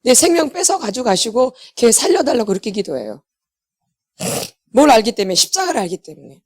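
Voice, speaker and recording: A woman's voice: a little high, very animated, a little fast. A middle-aged woman preaching a sermon in an emphatic, blunt manner. She asks the audience questions and answers them herself, and she often repeats herself. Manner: blunt and self-deprecating. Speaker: pastor's wife and healing ministry lecturer.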